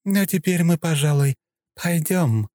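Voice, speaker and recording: A cold, menacing young princess, put on by a man narrating a storybook, her voice lifted well above his own and colored differently. She drawls her words slowly and with scorn, every line carrying a threat. The recording is dry and close. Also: a little high, lively intonation, darkish tone, dry recording, pitched above the performer's own voice. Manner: cold, slow, contemptuous, threatening. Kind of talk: audiobook character voice.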